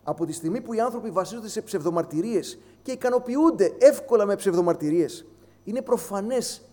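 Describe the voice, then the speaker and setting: A man preaching a sermon, switching between hushed low phrases and raised emphatic ones. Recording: long hall reverb with mains hum.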